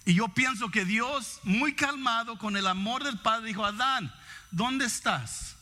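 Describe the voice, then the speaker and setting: A man delivers a sermon in a high-pitched voice. His tone is bright and tense. He muses aloud and keeps asking his listeners questions. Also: moderate pace. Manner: reflective, asks the congregation questions. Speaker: preacher.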